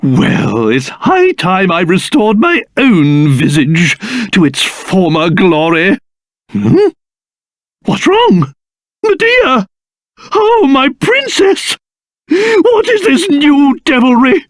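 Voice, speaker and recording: King Trode, wildly animated pompous old king. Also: high-pitched, takes it slowly, dry recording, clean studio sound, heavily acted. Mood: alarmed, flustered. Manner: pompous, theatrical, swinging from blustering to tender. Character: fussy, pompous old king, doting father, quick to indignation. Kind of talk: video game voice acting.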